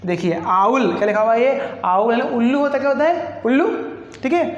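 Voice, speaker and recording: A man's voice: extremely high pitch, a little fast. A man teaching an English lesson who keeps asking the class questions and then answering them himself. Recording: echoey, muffled room recording.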